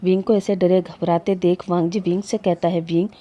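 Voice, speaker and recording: A woman hosting a storytelling channel, retelling a fan story in a steady, conversational narration. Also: on the low side, normal speed, dull audio.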